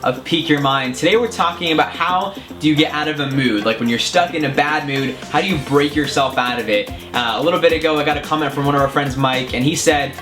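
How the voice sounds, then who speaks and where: A man's voice: a little high, quick pace, hardly any pauses, over music. A man hosting a casual advice vlog, talking in an earnest, chatty way with frequent restarts. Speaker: self-help vlogger.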